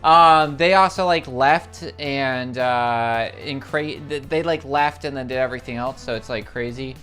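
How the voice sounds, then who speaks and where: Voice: medium pitch, a little slow, soft background music. A livestream host chatting casually and rambling through a long story, with many filler words and repeated exclamations of how crazy it is. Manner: excitable, repeats "it's crazy".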